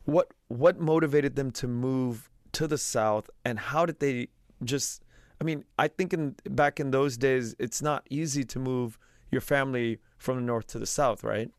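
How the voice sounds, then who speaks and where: A man hosting an interview, asking questions in a halting, careful way with frequent restarts. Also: mid-range voice, no room sound, studio quality. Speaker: podcast host.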